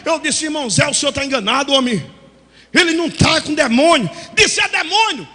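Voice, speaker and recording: A Brazilian man preaches with a strikingly high, piercing voice. He swings from storytelling into shouted, sing-song calls, and the sound rings out through a church with long reverb. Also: expressive, a little fast. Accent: Brazilian Portuguese. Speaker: pastor. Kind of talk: Pentecostal sermon storytelling.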